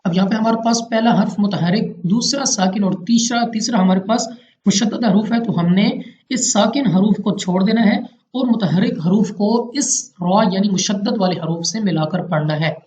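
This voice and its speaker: A man's voice: high-pitched, moderate pace, darkish tone, a little hiss or hum. A man teaches recitation rules patiently, walking through each point step by step and repeating it for his students. His voice rings in a roomy space. The recording sounds dull and lo-fi. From Pakistan. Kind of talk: step-by-step tajweed lesson.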